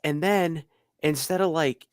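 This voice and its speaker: A man co-hosting a sports podcast, telling a story in animated casual chat with plenty of swearing. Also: on the high side, normal speed, no room sound, studio quality. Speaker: podcast co-host.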